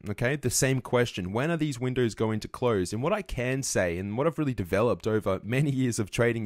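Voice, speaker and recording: Man, trading educator, mid-pitch voice, dry close sound, earnest and repetitive. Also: no echo. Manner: earnest, repeats himself, restarts and corrects mid-sentence. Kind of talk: market analysis over charts.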